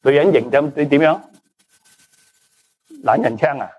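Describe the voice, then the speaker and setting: A male pastor, a Cantonese speaker with a voice pitched slightly high. He preaches in an animated style, quizzing his listeners, answering his own questions and dropping English words into the sermon. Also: a little slow, husky. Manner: animated, asks the congregation questions and answers them.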